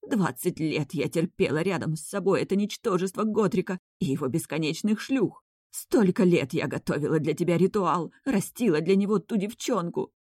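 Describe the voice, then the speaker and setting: Casual: lady reading as a screechy crazed queen, scornful and shrill, tight dry sound. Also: animated, normal speed, a little mellow, no room sound. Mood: frantic. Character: hysterical deposed queen, middle-aged mother, cruel and unhinged. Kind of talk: audiobook character voice.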